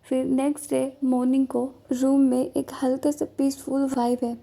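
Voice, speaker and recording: A woman reading a scripted romance story aloud as narrator in a steady, descriptive way. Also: high-pitched, normal speed, vocal fry.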